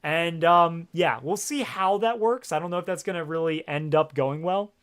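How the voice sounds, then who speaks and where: A male game streamer with a fairly high voice talks loosely into his headset mic. He wanders from point to point, packs his sentences with fillers, and swears often as he chats. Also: normal speed, a bit bright, clean tone. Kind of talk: casual livestream chat. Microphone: gaming headset.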